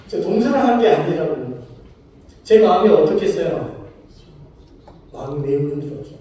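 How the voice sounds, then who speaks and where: Man, pastor, sermon, questions to the congregation, mellow, distant roomy church sound. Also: high-pitched, a little hiss or hum. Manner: storytelling, asks congregation questions. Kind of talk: sermon with personal story. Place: church sanctuary. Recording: roomy hall, from far off.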